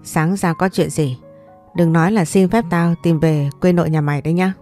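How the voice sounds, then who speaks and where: A woman's voice: on the low side, steady tone, moderate pace, soft background music, lightly acted. Woman reading a harsh scolding rural mother. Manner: scolding, sharp and threatening.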